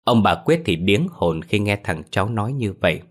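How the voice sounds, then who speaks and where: A man narrating a ghost story in a steady, measured way. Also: on the low side.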